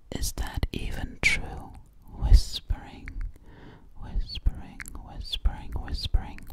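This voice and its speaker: A young woman plays a gentle, curious alien girl in a personal-attention ASMR roleplay, whispering breathily right up against a large microphone. She speaks slowly and soothingly, softly repeating her words and phrases.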